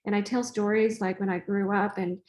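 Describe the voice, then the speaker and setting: An Australian woman working as a spiritual coach hosts a casual teaching talk, chattily acting out family dialogue in lively voices. Her mid-range voice moves a little fast, and the recording quality is low.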